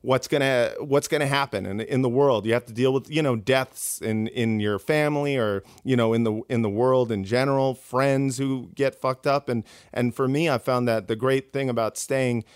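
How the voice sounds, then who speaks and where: Rambling man with a smooth voice. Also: mid-range voice, moderate pace, hardly any pauses, dry recording, studio quality. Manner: rambling, many fillers and restarts. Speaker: podcast guest, comedian. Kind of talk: casual interview talk.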